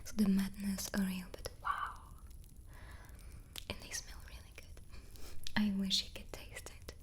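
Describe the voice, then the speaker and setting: An ASMR host whispers softly and without voice throughout, answering questions as she snacks on cookies near the microphone. Her medium-pitched voice is monotone and slightly rough, and she speaks at a measured pace.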